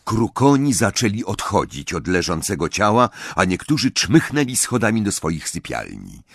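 A man narrating an audiobook in a measured, dramatic storytelling manner. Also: on the low side, very animated, a bit bright, no room sound, clean studio sound.

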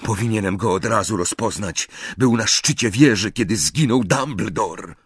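A steady young wizard who takes charge with short, firm orders, as a male narrator voices him. The voice is close to the reader's own, low, husky and dry. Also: moderate pace, no echo. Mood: grim. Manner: firm, clipped commands. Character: steady, decisive teenage boy wizard leader.

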